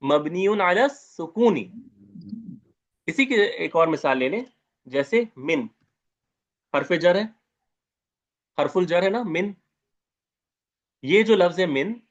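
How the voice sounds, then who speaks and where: High-voiced man drilling Arabic grammar. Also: lively intonation, slow pace, pauses often, dull audio. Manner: repetitive, drilling Arabic terms with questions to students. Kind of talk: online grammar lecture.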